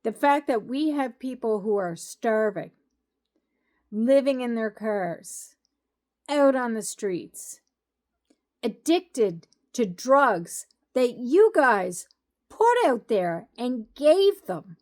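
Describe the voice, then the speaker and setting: Slow, heated middle-aged woman ranting. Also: fairly high pitch, very animated, darkish tone. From Canada. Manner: exasperated, heated, emphatic repetitions, wry laughs. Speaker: political vlogger. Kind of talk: impassioned political rant to camera.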